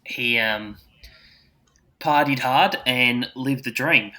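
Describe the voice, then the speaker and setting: A man's voice: medium pitch, takes it slowly, pushed and bright. An Australian man co-hosting a casual podcast chat with his mates, talking in matey, slangy Aussie tradesman fashion. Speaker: podcast co-host.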